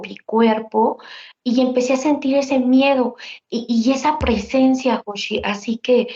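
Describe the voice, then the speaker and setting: A woman tells a personal story in an earnest, vivid way, talking straight to her listener. Her voice sits a little high for a woman. The recording is dull and lo-fi. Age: 40s. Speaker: guest telling a paranormal experience. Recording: dull lo-fi audio.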